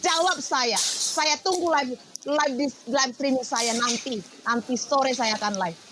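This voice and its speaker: A woman's voice: high voice, a little slow, heavy background noise. A woman pastor preaching on a livestream, confrontational and firing off rhetorical questions.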